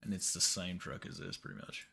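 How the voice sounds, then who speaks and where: A man's voice: sits low, sing-song, brisk, creaky, sharp tone, slightly rough. A man in his mid twenties hosting a casual live stream, chatting easily and tossing questions to viewers. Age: 20s. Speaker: livestream host.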